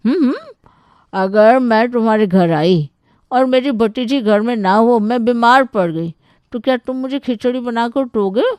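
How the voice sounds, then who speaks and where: A loud, bossy older aunt from an animated story, put on by a woman, fires off blunt, nosy questions with mocking scorn. The voice sits high and pushes loud, and the sound is dry and close. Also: unhurried, clear, resonant tone, dry recording, close to an everyday voice.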